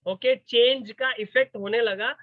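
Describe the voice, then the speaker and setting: A man's voice: very high voice, steady tone, measured pace, dry recording, phone-quality sound. A man giving a storytelling motivational talk, acting out the voices of the people in his story. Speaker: motivational speaker.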